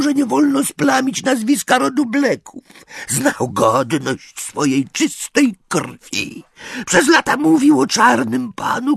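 A wretched old house-elf servant sobs and shrieks in a shrill, croaking storybook voice. His pitch leaps and plunges wildly, and his tone is gravelly and husky. The recording is close and dry. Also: fairly bright tone, dry recording, full character voice. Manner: croaking, sobbing, shrieking outbursts.

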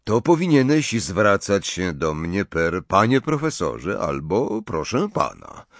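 A man voicing a calm, patient old male wizard who is a teacher. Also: deep voice, vocal fry, no room sound, heavily acted. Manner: patient, gentle, unhurried.

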